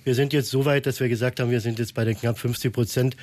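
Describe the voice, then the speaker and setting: An earnest man from Berlin talking as a guest in a radio studio. His voice is at an average male pitch and sounds dry and close, with no room echo. He is thoughtful and pauses to find his words. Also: steady tone, darkish tone. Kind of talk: radio interview answers.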